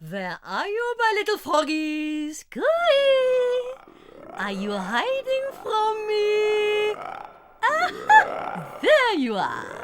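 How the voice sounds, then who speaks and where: A woman's voice: very high-pitched, full character voice. A woman playing an imperious, gloating and cruel chief witch in an audio drama.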